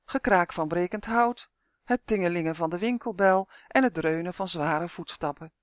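A woman narrating a children's fantasy story aloud in an even, clear manner. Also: lowish voice, moderate pace, no echo, studio quality.

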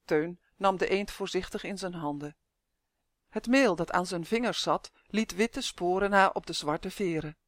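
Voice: medium pitch, no echo, studio quality. A storyteller reading a children's book aloud, lifting the voice for the characters' dialogue. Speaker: narrator.

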